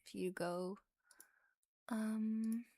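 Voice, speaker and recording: A woman's voice: a little high, steady tone, extremely slow, dark tone. A woman streamer chatting informally with her viewers in a musing, hedging way. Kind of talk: casual livestream chat. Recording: background noise with small clicks.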